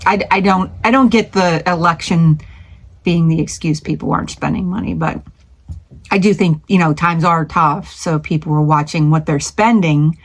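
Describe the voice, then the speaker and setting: A woman's voice: low voice, normal speed. A middle-aged woman running a small craft business, chatting casually in a vlog from her home studio, rambling with lots of fillers and restarts.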